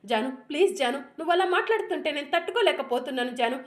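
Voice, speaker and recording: A woman's voice: high voice, expressive, racing, echoey room, pitched above the performer's own voice. A woman voicing a remorseful husband who begs his wife for forgiveness and keeps repeating her name. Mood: pleading. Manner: pleading, repeating the wife's name.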